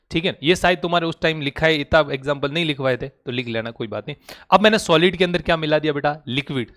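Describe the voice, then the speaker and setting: A male teacher giving a classroom lecture, firing quick questions at his students and coaxing answers out of them with a familiar, urging manner. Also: on the high side, a bit bright. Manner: drills students with rapid questions; coaxing, calls students "beta".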